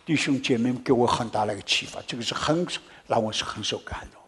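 A man with a very husky, medium-pitched voice preaches a sermon at a fast pace, telling his congregation a story. He swings between loud exclamations and hushed whispers, mixing English words into his preaching.

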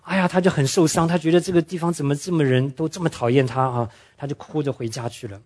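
A man preaching a sermon, telling stories earnestly and slowing down to stress his main points. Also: fairly high pitch, fairly even intonation, darkish tone. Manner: earnest storytelling preacher, drops English words into speech; slows down and drops his voice to stress key points. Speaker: pastor.

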